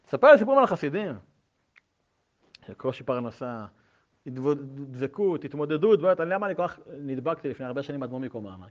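A middle-aged man, a rabbi, teaching a Torah lesson with stories to listeners in a room. He speaks animatedly, often restarts, and swings between loud and soft. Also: fairly high pitch. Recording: dull lo-fi recording.

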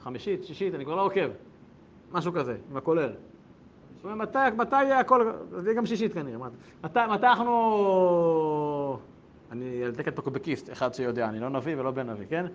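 Animated high-voiced man teaching a lesson. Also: lo-fi sound, a little hiss or hum. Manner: animated, rhetorical questions, swings between hushed asides and loud bursts. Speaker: rabbi teaching a class. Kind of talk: Torah lesson to a group.

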